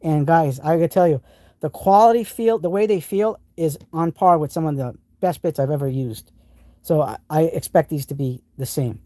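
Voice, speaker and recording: This New England host from the United States demonstrates tools and fields chat questions on a live stream, rambling eagerly and restarting a lot. His mellow voice is on the high side, at a moderate pace, with no echo.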